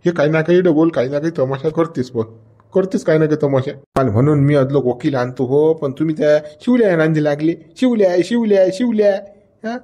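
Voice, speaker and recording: A man's voice: on the high side, a little fast, mellow. A man with a Varhadi Marathi accent, fretting and muttering asides in a village comedy sketch.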